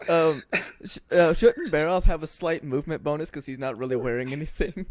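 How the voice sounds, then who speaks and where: A man's voice: a little high, a little fast, dry recording. A man playing a tabletop game, playful and joking. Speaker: player.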